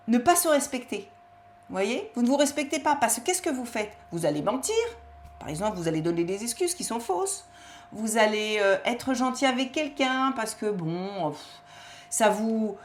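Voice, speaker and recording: A woman's voice: a little high, a little hiss or hum. A woman giving a casual talk on self-love, with many fillers and restarts, addressing listeners directly. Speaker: personal development speaker.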